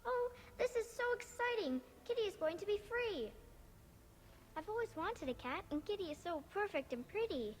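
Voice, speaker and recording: A woman voicing an innocent, excitable little girl in a video game, with a childlike, guileless way of talking. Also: very high-pitched, normal speed. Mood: adoring, excited. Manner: childlike, guileless, sing-song. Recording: hall reverb, faint noise, game audio capture.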